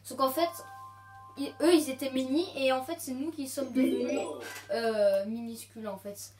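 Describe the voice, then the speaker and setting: A woman giving casual let's-play commentary on a video game. She is excitable, yelps when startled and repeats phrases to calm herself. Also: high-pitched, normal speed. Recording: roomy sound with loud game music.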